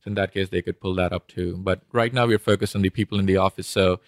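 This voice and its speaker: Male startup founder as interview guest, Indian accent, low pitch, little melodic movement, informal explanatory delivery. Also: steady tone, fast talker, no room sound, studio quality.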